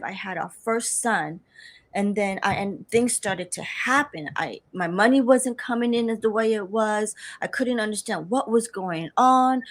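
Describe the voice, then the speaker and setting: Woman telling a raw personal testimony. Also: on the high side. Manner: earnest storytelling with halting restarts and acted-out inner dialogue. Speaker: survivor telling her story.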